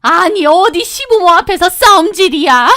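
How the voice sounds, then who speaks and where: A woman's voice: very high-pitched, animated, moderate pace, bright, forceful tone, no room sound, clean studio sound, pitched above the performer's own voice, heavily acted. A woman voicing a domineering middle-aged mother-in-law who scolds shrilly, in a storybook drama. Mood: scolding outraged.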